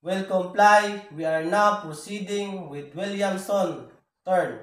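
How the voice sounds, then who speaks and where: A man's voice: sits high, takes it slowly, a bit bright. A man playing a ship officer making a marine radio distress call, with formal, spelled-out radio phrasing. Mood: urgent, formal. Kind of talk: marine radio procedure role-play. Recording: roomy echo, voice far from mic.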